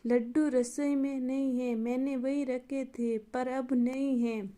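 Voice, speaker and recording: A woman's voice: high voice, flat delivery, slow, mellow. A woman voicing a meek, dutiful young daughter-in-law in a storybook tale, speaking politely and timidly.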